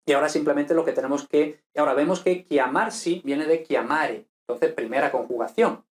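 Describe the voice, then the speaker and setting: Man from lecturing on grammar, slightly high pitch, explanatory, keeps checking in with listeners. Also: brisk. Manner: explanatory, checks in with frequent "¿vale?". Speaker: Italian grammar teacher. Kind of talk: lecture over slides.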